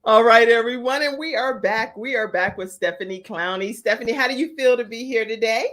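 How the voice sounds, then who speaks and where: A woman's voice: a little high, a little fast, fairly bright tone. A woman hosting a live show as an upbeat, encouraging interviewer. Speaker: show host.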